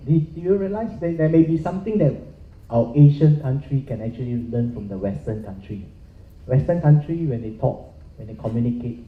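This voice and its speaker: Middle-aged man, panelist, frank and conversational, roomy reverb on the voice. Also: mid-range voice. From Singapore. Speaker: panelist in financial services. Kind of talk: panel discussion. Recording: echoey room, tinny phone-like sound.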